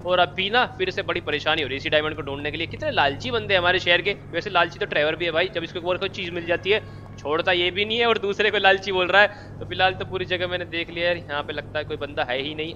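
A man giving chatty, joking gameplay commentary, narrating in character and getting excitable, shouting during the action. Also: sits high, dull audio, slight background noise.

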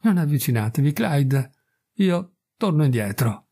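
Storybook role: a tearful, pleading young woman, voiced by a male reader, raised and gravelly. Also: a little high, very animated, measured pace, dark tone, full character voice. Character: desperate young woman torn by guilt.

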